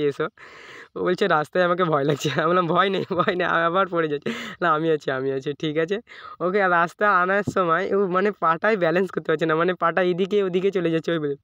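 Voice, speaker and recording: A man's voice: high-pitched, a bit bright, clean tone, no echo, dull audio. A man telling a casual vlog story, quoting both sides of a conversation. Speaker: fitness vlogger.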